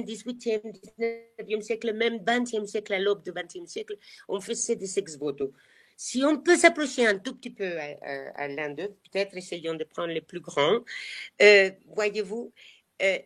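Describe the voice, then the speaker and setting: A woman with a Mexican Spanish accent, whose first language is Spanish, leads a live virtual tour. She talks in a chatty, meandering way, full of fillers and restarts, over a video call. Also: medium pitch. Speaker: tour guide.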